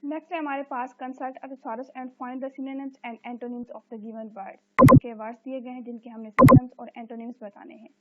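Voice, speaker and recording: Woman, teacher, fairly high voice, tinny phone-like line. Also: level tone. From Pakistan. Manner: reads English slowly, explains in Urdu, frequent "okay". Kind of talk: recorded classroom lecture.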